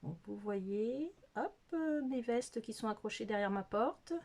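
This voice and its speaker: Chatty woman with a higher voice. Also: expressive, a little slow, a little mellow. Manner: chatty, hesitant with many fillers, laughs at herself. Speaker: beauty vlogger. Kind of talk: casual makeup tutorial chat. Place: her bedroom. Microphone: phone camera.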